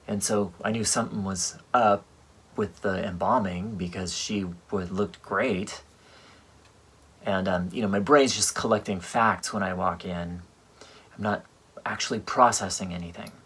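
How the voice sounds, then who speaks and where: Low husky-voiced man telling a story. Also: steady tone, a bit bright. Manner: rambling, halting, many fillers and restarts. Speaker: composer. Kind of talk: casual storytelling monologue. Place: home livestream at a piano.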